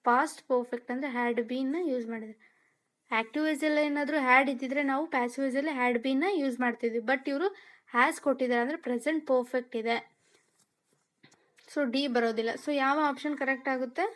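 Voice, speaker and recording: High-voiced woman teaching grammar. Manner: explains step by step and asks rhetorical questions; mixes Kannada with English terms. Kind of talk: exam-prep lesson.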